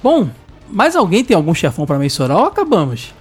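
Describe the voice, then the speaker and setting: A man's voice: sits high, huge pitch swings, a little fast, breathy edge, soft background music. A Brazilian man hosting a podcast in casual, chatty speech. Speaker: podcast host.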